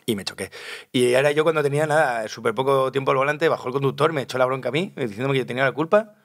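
A man from Spain co-hosting a casual podcast, telling anecdotes animatedly with shouted sound effects. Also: mid-range voice, racing. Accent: Spanish from Spain. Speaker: podcast co-host.

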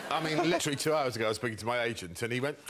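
A man's voice: medium pitch, animated, very fast, a loud crowd. A male comedian and panel show guest telling a rambling, self-deprecating anecdote. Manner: rambling, self-deprecating, laughing between phrases. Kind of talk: stand-up style anecdote. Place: TV studio. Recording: noisy TV studio recording with audience.

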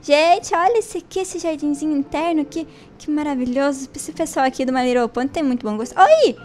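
A young Brazilian woman chatting playfully through a Minecraft let's play, talking to viewers and game characters with sudden high squeals. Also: fairly even intonation, a little fast, a little mellow, soft background music. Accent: Brazilian Portuguese. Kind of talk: casual gameplay commentary.

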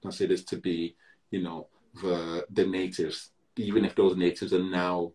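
Low-pitched and somewhat mellow, with little movement in his pitch, a British man of Barbadian roots talks at a moderate pace in a reflective video-call interview from a room in his home. The musician often restarts his sentences and leans on "you know" as filler.

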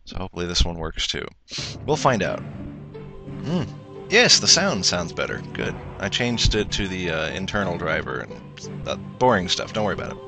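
A man's voice: low-pitched, very animated, normal speed, creaky, over music. A man hosting a let's play with casual game commentary and wry asides.

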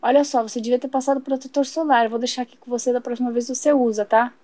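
A woman's voice: fairly high pitch, flat delivery, rapid-fire, mellow, dry recording, lightly acted. A woman voicing a caring toy mother who looks after her son at bath time.

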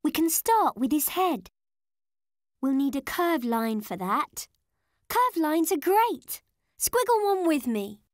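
A woman voicing a friendly little male cartoon monster who loves drawing, talking slowly and gently to young children. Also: high-pitched, big pitch swings, dry recording, clean studio sound, full character voice. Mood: cheerful. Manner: slow, gentle and cheerful, speaking to children. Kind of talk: cartoon voice acting for preschoolers.

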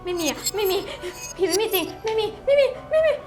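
Woman playing a frantic guilty swindler, very high voice. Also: very animated, fairly quick. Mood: panicked. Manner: panicky, pleading, shouting. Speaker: swindler who cheated an aunt. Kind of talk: short film acting. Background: loud music.

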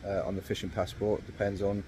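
A fishing vlogger in his thirties narrates casually into a phone or action camera held at arm's length by a river. He talks fairly quickly in a lowish voice, easygoing and rambling with many ums, a faint outdoor hum behind him.

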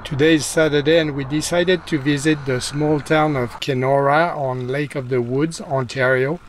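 A middle-aged man from Canada narrating his van travel vlog in a calm, unhurried way with small filler pauses. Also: a little high, a little hiss or hum. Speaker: van life vlogger.

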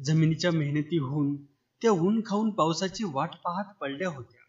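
A man narrating an audiobook story in a steady, dramatic reading style. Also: a little high, normal speed. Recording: dull lo-fi.

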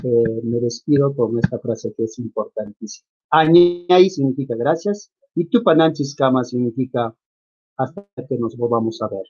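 A man's voice: mid-range voice, moderate pace, warm tone, slightly rough. A man giving a virtual conference lecture, explaining examples step by step and ending points with a questioning tag. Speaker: lecturer on the Quechua language. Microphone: video call. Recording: dull lo-fi video call audio.

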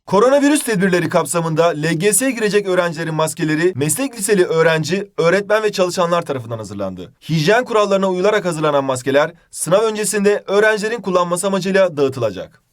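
A man reading news reports as a voice-over in a formal, measured way. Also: high-pitched, expressive.

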